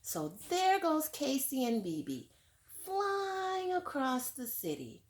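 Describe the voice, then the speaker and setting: A woman with a high voice reads a picture book aloud to children at a slow pace, her pitch swooping wildly. Afterward she discusses the story with them in a warm, teacherly way, asking the young listeners questions.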